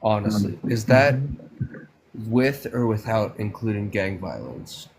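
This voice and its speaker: Man, twenties, lowish voice, dry and measured, faint hum behind. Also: big pitch swings. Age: 20s. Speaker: guest caller on a live stream. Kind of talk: casual debate chat.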